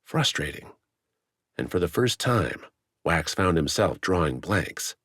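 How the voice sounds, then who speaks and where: A man narrating a fantasy audiobook in a measured, dramatic storytelling manner, on a close studio mic. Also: deep voice, sing-song, fairly bright tone, dry recording. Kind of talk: scripted narration.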